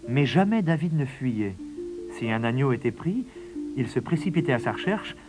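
A man reading a children's storybook aloud in a measured, dramatic narration. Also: medium pitch, expressive, music in the background.

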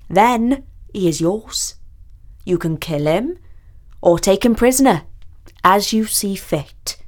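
Woman playing a gruff veteran knight, forceful, loud, storybook. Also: on the low side. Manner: forceful, instructive. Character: famed veteran male knight, blunt fighter.

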